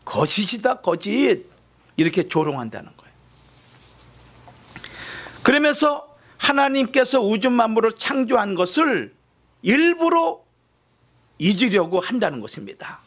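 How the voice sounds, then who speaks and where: A male pastor preaching a sermon with emphatic, dramatic swings in loudness, explaining scripture in plain everyday terms. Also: very high voice, big pitch swings, a little slow, long pauses.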